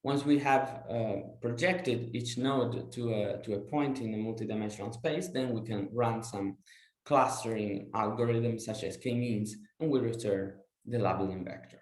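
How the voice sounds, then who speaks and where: A young man with an Italian accent presenting his PhD research over slides, explaining carefully with many "uh" pauses. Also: fairly low pitch, reverberant. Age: young adult.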